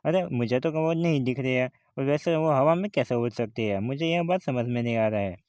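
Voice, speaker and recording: A man's voice: mid-range voice, brisk, a little mellow, no echo, natural voice. A man voicing a hot-tempered young boy superhero who bosses his friends around, in a dull, dry home recording. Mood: bossy.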